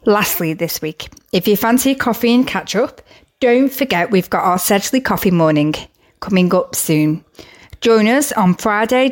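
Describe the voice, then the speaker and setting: Woman presenter, upbeat and chatty, scripted community update. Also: mid-range voice. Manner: chatty and upbeat, with casual asides.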